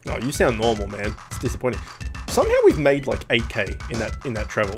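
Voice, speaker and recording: A man's voice: medium pitch, sing-song, fast. A man doing casual, joking, sweary commentary as he plays a video game. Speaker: let's play host. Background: video game music.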